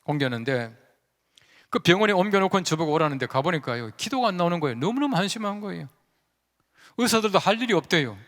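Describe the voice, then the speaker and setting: A man's voice: high voice, fast talker. Male pastor preaching in a reverberant sanctuary. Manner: conversational, animated storyteller who acts out quoted voices; leads the congregation in call-and-response. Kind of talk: storytelling sermon. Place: large church sanctuary.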